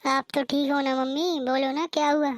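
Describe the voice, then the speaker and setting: A woman's voice: sits high, little pitch movement, moderate pace, no echo, natural voice. A woman voicing a protective young married daughter in a cartoon, talking urgently. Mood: concerned. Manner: urgent, insistent. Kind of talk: cartoon voice acting.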